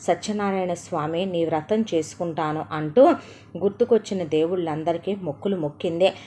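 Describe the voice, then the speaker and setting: A woman with a fairly low voice reads a short story aloud in a steady, expressive way. A faint hiss runs under the recording. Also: moderate pace.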